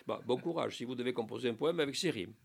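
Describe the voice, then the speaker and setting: A man giving a spoken lesson on French verse, explaining in a lively teaching manner with playful asides and recited lines. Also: mid-range voice, fast talker, vocal fry, husky.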